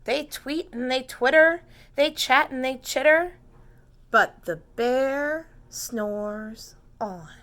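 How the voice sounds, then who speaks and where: Slow, gentle woman reading to preschoolers. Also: high voice. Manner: slow, gentle, drops to soft whispers, invites listeners to join in. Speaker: preschool teacher. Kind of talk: children's picture-book read-aloud.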